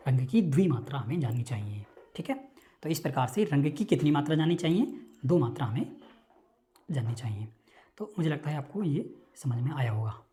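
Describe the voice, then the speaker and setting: In an online lecture, a woman teaches Sanskrit, working through a text slowly, repeating terms and checking that her listeners keep up. Her voice is deep and mellow.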